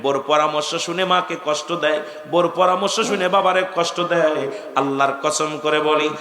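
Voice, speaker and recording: A man delivers a fiery sermon in a high, sharp, forceful voice. He shouts and chants in a sing-song way, pressing the crowd to call back. His voice rings through a large, echoey hall with a long reverb. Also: steady tone, moderate pace. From Bangladesh. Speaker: preacher.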